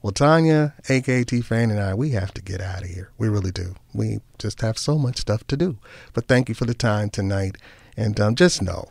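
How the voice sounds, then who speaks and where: Smooth, playful late-night radio host, a man. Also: fairly low pitch, expressive, normal speed, a little mellow, dry recording. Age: 40s. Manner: smooth, playful announcer delivery. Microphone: studio microphone.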